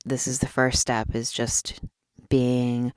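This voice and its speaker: A young woman talking quietly in a personal vlog, keeping her voice down at night as if someone is asleep nearby. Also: extremely low pitch, level tone, takes it slowly, clean tone, no echo, studio quality. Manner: quiet, hushed night-time talk so as not to wake a sleeper. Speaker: vlogger. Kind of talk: personal vlog talk to camera. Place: closet, small indoor space.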